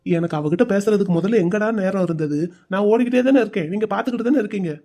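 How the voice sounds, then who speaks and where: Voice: medium pitch, quick pace, mellow, natural voice. A voice actor playing a curt, protective young husband in a cartoon story, speaking firmly. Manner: firm, curt.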